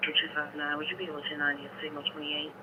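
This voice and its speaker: A man's voice: fairly high pitch, completely flat delivery, fast talker, sharp tone. An American man giving police radio dispatch messages over a two-way radio. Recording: tinny, noisy police scanner radio.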